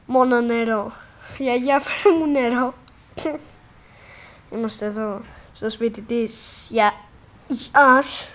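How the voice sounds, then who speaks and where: Slangy vlogger with hiccups. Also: female voice, on the high side, fairly even intonation, pauses often, a bit bright. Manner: slangy, drops English words and swears. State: has hiccups. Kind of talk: casual vlog chat. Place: grandmother's house, on a couch.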